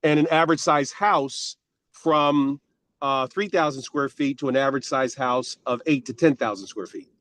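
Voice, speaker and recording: A man's voice: mid-range voice, normal speed, fairly bright tone, no echo. A man coaching over a live video call from his car, his voice breaking up and dropping out on a bad connection. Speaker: real estate coach. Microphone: device in a car phone cradle.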